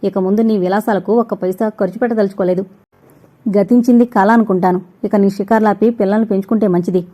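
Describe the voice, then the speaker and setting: A woman's voice: mid-range voice, steady tone, quick pace, dark tone, close to an everyday voice. A woman reading a stern scolding husband. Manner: scolding, lecturing. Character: stern young husband, a doctor.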